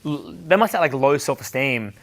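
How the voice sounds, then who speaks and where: A young man leads a dating seminar with a bright, forward voice. He talks bluntly and swears freely, often acting out bar conversations. His pitch sits in an ordinary middle range. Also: big pitch swings, moderate pace. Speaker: dating coach. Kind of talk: seminar talk answering questions.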